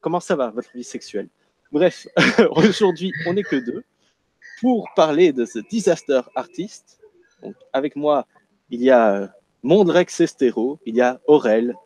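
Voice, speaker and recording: A man's voice: on the high side, lively intonation, a little slow, a little mellow, poor audio. A man with a Belgian French accent hosting a casual film review chat, playful and joking. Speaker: podcast host.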